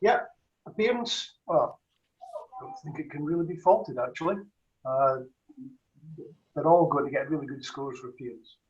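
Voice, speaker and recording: A man, a cheese judge, thinks aloud and weighs each word in casual tasting commentary. His voice sits a little high and sounds far from the mic, in an echoey room, through dull, muffled audio. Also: moderate pace, long pauses. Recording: distant, roomy, dull video-call audio.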